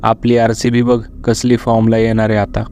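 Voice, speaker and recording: A man's voice: on the low side, monotone, normal speed, darkish tone, a little hiss or hum, natural voice. A man voicing a cheeky young male roommate in a storybook reading, teasing and coaxing his friends.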